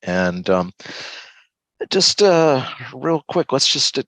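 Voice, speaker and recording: A man hosting a group video call, relaxed and halting, with many fillers. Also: medium pitch, no room sound. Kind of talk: casual group check-in.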